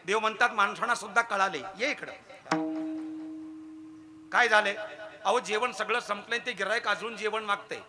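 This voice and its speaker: A man's voice: sits high, steady tone, normal speed, pauses often, over music. A man telling a devotional kirtan story and acting out the figures' dialogue with frequent laughter. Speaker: kirtan preacher.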